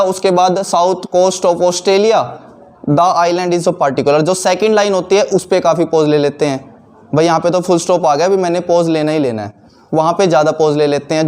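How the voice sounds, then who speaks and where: Male instructor, high voice, quizzing himself as he explains to a class. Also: a little mellow. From India. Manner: explains by asking and answering his own questions. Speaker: teacher. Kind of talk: classroom teaching.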